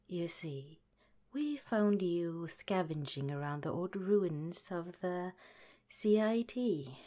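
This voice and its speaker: A woman's low-leaning voice portrays a scientist director, a calm and caring woman, for an ASMR roleplay. She keeps her delivery polite, gentle and whispery.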